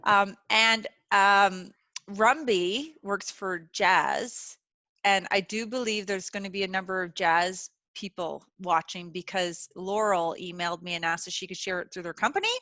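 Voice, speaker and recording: A woman's voice: mid-range voice, steady tone, measured pace, pushed and bright, dry recording. A woman hosting a webinar over a video call, chatting casually and reassuringly, with lots of "like" and "you know". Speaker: webinar host. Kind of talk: casual chat.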